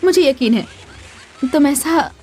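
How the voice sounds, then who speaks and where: A woman's voice: high voice, expressive, a little slow, a little mellow. An actress dubbing an earnest, persistent teenage schoolgirl who serves as class vice monitor. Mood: friendly. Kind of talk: Hindi drama dub.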